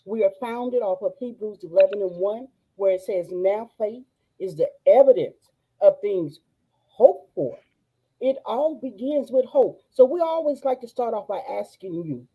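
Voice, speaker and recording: A woman, hosting a faith-based live show and giving excited, gushing shout-outs to viewers. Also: a little high, slightly rough, phone-quality sound. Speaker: host. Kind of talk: excited live-stream chat.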